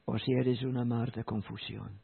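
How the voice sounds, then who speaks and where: A man preaching a sermon in a slow, emphatic way, repeating key phrases. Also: mid-range voice, little pitch movement, vocal fry, breathy edge. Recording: tinny phone-like sound.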